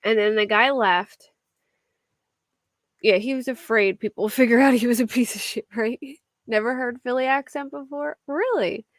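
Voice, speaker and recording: Speaking at a moderate pace in a fairly high voice, this true crime livestream host reads a crime story and answers her chat in a chatty, laugh-filled way. She's a young Philadelphia-area woman with a local accent, and the studio audio is clean with no room sound.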